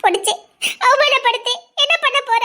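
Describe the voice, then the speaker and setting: A woman's voice: very high-pitched, normal speed, sharp tone. A woman playing a distressed, shamed young woman who pleads through tears. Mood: pleading, tearful. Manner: tearful, pleading.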